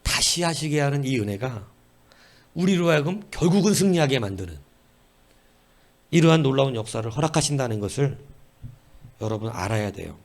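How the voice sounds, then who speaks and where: Animated male pastor preaching. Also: medium pitch, fairly quick, vocal fry, long pauses. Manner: animated, storytelling with jokes and acted voices. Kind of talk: sermon. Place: church.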